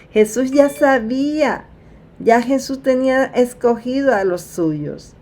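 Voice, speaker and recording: A woman giving an informal Bible sermon, retelling scripture and speaking straight to her audience with sighs and asides. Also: on the low side. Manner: warm direct address, repeats "amada audiencia".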